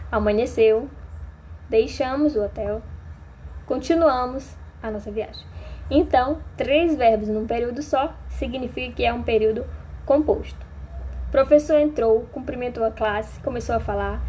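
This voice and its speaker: A woman's voice: fairly high pitch, darkish tone, slight background noise, rough recording. A woman teacher from Maranhão, Brazil, explaining a grammar lesson patiently to her students.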